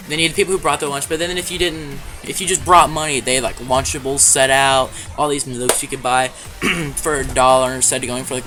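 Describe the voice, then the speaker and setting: Bright-voiced man telling a profane story. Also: mid-range voice. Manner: offhand and profane, clears his throat often. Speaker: YouTuber. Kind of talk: casual storytelling vlog.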